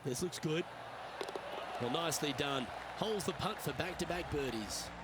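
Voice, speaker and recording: A man giving golf commentary as lead announcer, in understated, measured remarks on play. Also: fairly high pitch, a loud crowd, heavy background noise.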